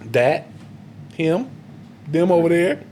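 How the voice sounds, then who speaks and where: High, lively male co-host, excitable and profane, always ready to laugh. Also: slow pace, slight background noise. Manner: laughing, excitable, eggs others on. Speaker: podcast co-host. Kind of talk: casual group debate.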